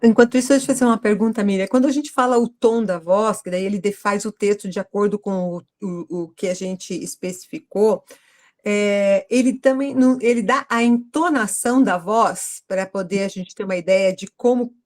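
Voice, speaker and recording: A woman's voice: medium pitch, normal speed, a little mellow. A woman with a mid-range voice speaks up in an online class to ask a question. She hesitates and searches for her words. It comes through a video call. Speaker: class participant.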